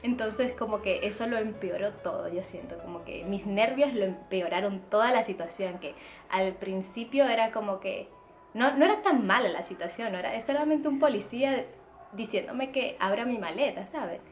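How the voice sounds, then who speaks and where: A young woman from the Republic, telling a casual storytime in a chatty, expressive way full of fillers. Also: mid-range voice, normal speed. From Dominican Republic. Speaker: vlogger. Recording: echoey room, faint music.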